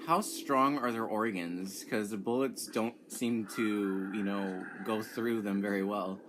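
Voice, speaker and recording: A young man giving casual commentary as he reacts to a game demo, excitable and breaking into sudden exclamations. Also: on the low side, unhurried, noisy background. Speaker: gaming YouTuber reacting to a demo.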